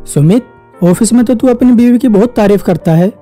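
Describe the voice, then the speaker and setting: A woman voicing angry young men in a cartoon story, speaking low and gruff. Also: a little fast, warm tone, soft background music, lightly acted. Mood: scolding. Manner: accusing, gruff. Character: angry young husband and his annoyed male friends.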